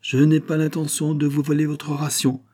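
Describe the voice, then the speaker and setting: A man's voice: on the high side, completely flat delivery, normal speed, a little mellow, pitched above the performer's own voice, natural voice. A man voicing a resolute older father. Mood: grim resolve. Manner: firm, with unbending energy. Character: older father calmly facing death.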